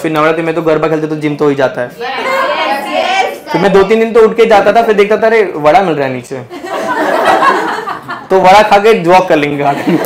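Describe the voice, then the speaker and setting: A young man teaching biology to a class, teasing his students and mixing English terms into his Hindi. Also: fairly high pitch. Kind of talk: joking classroom lecture. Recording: noisy classroom crowd.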